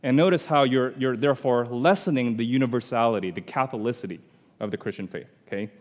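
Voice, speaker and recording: A man's voice: mid-range voice, quick pace. Guy from indonesia teaching theology, emphatic, asks questions at the crowd, echoey hall. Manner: explanatory, emphatic, rhetorical questions. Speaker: theology lecturer. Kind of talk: theology lecture.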